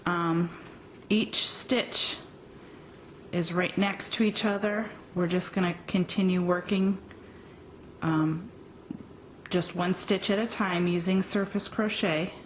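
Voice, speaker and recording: Slow, hesitant woman teaching crochet. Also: mid-range voice, slight background noise, poor audio. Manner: slow, hesitant with frequent ums, talking while working. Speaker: crochet instructor. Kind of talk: step-by-step tutorial.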